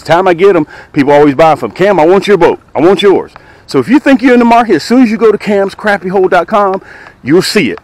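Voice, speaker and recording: Holding the camera close to his face on a lakeshore, a middle-aged man who vlogs about fishing and sells tackle pushes his gear in a lively sales pitch. He's animated, gestures with his hands, and often repeats "okay?" and "guys." The recording is rough.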